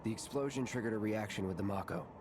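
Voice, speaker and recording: A man's voice: on the low side, fast, natural voice. A man playing an aloof young mercenary soldier in a video game, cool and terse. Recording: distant game audio with clear noise.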